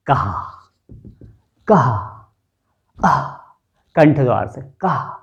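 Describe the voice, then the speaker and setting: A man teaching a pronunciation lesson, demonstrating sounds with drawn-out repetitions. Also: medium pitch, dark tone. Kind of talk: slow spoken lesson with demonstrations. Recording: dull lo-fi audio.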